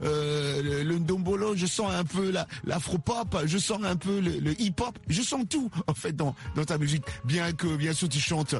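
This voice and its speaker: A man's voice: on the high side, normal speed, hardly any pauses, faint music behind. A man from Congo interviewing a musician on the radio, with many fillers and restarts. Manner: hesitant, many fillers and restarts, warm praise.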